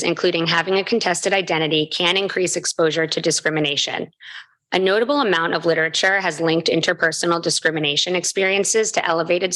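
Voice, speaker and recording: A woman's voice: fairly low pitch, a bit bright. A woman researcher presenting a study in a formal, scripted academic style, occasionally stumbling over a word.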